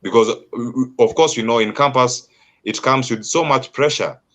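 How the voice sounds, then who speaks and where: A man with a Kenyan accent hosting an interview, asking long, winding questions with slow, emphatic phrasing. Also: mid-range voice, a bit bright. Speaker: host. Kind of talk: interview host.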